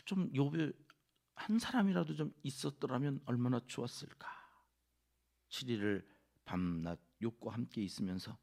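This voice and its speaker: Gravelly-voiced male pastor preaching. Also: medium pitch, moderate pace. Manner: lively, acts out quoted speakers. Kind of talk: early-morning sermon. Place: church sanctuary.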